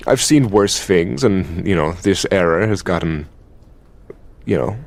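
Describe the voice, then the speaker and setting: Here the Irish elder demon boyfriend, performed by a man in an intimate ASMR roleplay monologue, sounds gravelly, fairly low and a little mellow. He's sardonic and nosy, exasperated and possessive, mocking halting and conversationally with lots of swearing, all in a full character voice with lively intonation.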